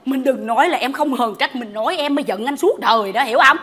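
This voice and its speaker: High bright nagging wife bit, stage comedy, all drama. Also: female voice, quick pace, husky, full character voice. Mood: scolding, mocking. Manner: theatrical, swings between nagging and sweet-talk. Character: scolding, flattering wife, fickle and dramatic. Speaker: comic actress in a stage sketch.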